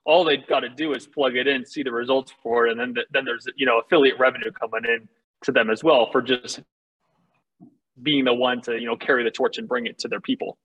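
A man with a forceful, bright voice and a slightly rough, husky edge delivers a confident startup pitch. He talks casually and candidly, like a founder selling his company to investors. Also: fairly even intonation, brisk, low-quality recording. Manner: casual, candid, salesy explaining.

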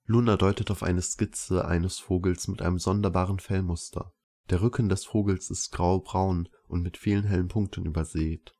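A man calmly reading a first-person story aloud as narrator, in a measured pace. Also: deep voice.

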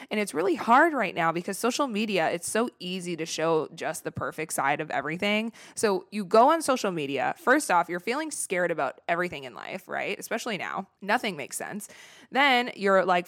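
A young woman hosts her own podcast, talking in a candid, confessional way with plenty of casual swearing and "like" fillers. Her voice sits a little low for a woman. The sound is dry and close, with almost no room around it. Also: a bit bright, dry recording. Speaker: podcast host. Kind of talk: candid solo podcast talk.

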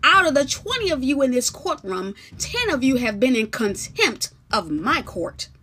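A woman's voice: high voice, very animated, normal speed, pushed and bright, breathy edge, pitched above the performer's own voice, full character voice. A woman voicing a solemn male judge on a throne, who speaks in a raised, proclaiming voice.

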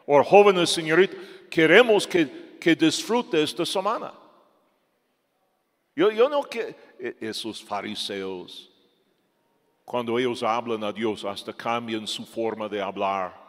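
A man preaching a sermon in a church with emphasis, swinging between loud and soft. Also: medium pitch, expressive, a little slow. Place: church hall. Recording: long church reverb.

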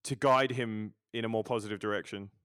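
A man's voice: lowish voice, steady tone, brisk, fairly bright tone, dry recording, studio quality. A man hosting a casual podcast interview, often stammering and repeating words as he talks. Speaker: podcast host.

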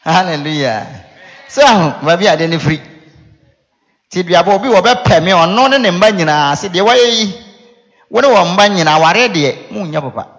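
Ghanaian guy preaching, twi native speaker, kinda high voice, teachy with lots of rhetorical questions, big echoey hall. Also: animated, moderate pace, fairly bright tone. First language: Akan (Twi). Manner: conversational teaching with rhetorical questions and repeated phrases. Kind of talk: sermon teaching, mixing explanation with scripture and storytelling. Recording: echoey hall with long reverb.

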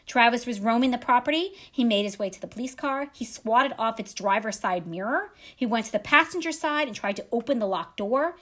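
High-voiced woman telling a grim story. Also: expressive, fairly quick, few pauses, a bit bright. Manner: dramatic retelling with wry asides. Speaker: podcast host. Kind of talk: true-crime storytelling.

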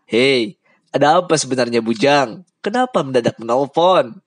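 A man voicing a friendly, easygoing loyal man who talks cheerfully and a little loudly. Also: medium pitch, animated, moderate pace, no echo, studio quality, voice pushed up, lightly acted. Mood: joking.

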